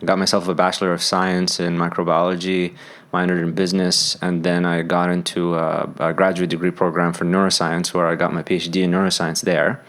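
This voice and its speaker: A man with a deep, low voice talks as a podcast guest over a call. He tells his life story in long, relaxed answers, full of "um" and "uh". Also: fairly quick. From born in Saudi Arabia, raised there and in Sudan, then Canada. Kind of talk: casual interview talk. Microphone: phone or online call.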